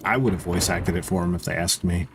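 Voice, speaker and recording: A man's voice: sits low, fairly even intonation, fast talker, noisy background. A man with a congested nose giving casual, profane, joking commentary while streaming a game.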